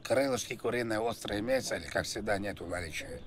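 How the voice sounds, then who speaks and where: A man's voice: lowish voice, quick pace. A man making a prank call to order food, rambling and repeating himself with frequent tag questions. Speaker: prank caller and streamer. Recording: noisy background hiss and ambience.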